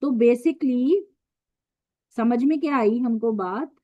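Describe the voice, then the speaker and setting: A woman teaching Quran recitation in an online lesson, patient and repetitive, stretching letter sounds slowly to show them. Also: a little high, dark tone, no echo.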